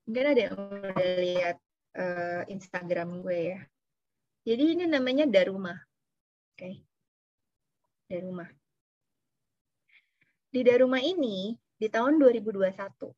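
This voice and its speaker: A woman's voice: mid-range voice, animated, measured pace, pauses often, darkish tone, no echo, muffled recording. A woman, an insurance agent giving a casual motivational talk, chatty and slipping in English phrases. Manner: chatty, mixes in English phrases, laughs now and then. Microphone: video call.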